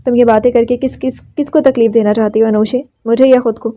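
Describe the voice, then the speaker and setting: A woman voicing a reserved young man who talks in a quiet, detached and weary way in an audiobook novel. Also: on the high side, fairly even intonation, natural voice. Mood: resigned. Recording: slightly dull lo-fi recording.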